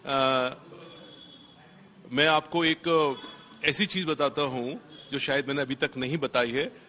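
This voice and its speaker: A man's voice: medium pitch, steady tone, takes it slowly, pushed and bright, lo-fi sound, a little hiss or hum. A man, a police officer, answering interview questions in an emphatic motivational way and repeating key phrases for stress.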